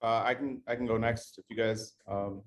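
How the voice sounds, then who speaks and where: A man from Costa Rica who works as a tech lead, introducing himself in a friendly, slightly halting way on a video call. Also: fairly low pitch, steady tone, a little hiss or hum.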